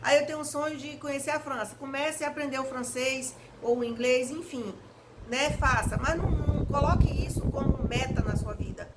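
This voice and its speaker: A woman's voice: high voice, a little fast. A woman giving an earnest devotional talk at home, exhorting listeners directly, with an electric fan blowing right in her face as she speaks. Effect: electric fan blowing right in her face while she talks. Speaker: evangelical lay preacher. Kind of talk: home devotional reflection video. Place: hot room at home. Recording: home recording with loud fan noise. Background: steady whir of a fan.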